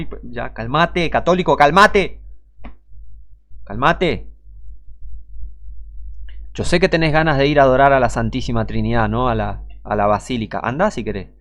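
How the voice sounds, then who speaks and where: Rioplatense guy preaching casual, pushy rhetorical questions at you. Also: medium pitch. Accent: Rioplatense Spanish. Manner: emphatic, rhetorical, talks straight to the listener. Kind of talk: informal online sermon.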